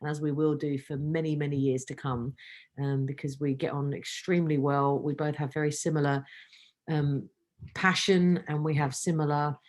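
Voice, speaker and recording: Woman, low voice, upbeat and earnest, video call co-host. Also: little pitch movement, moderate pace, a little mellow. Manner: upbeat, earnest, with frequent fillers. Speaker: retreat co-host. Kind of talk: enthusiastic welcome on a video call.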